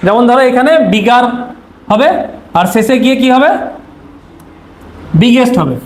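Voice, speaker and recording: A man's voice: extremely high pitch, moderate pace. A man teaching an exam-prep grammar lesson, posing questions and answering them himself. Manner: asks rhetorical questions then answers them; repeats key terms to drill them. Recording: roomy echo, faint noise.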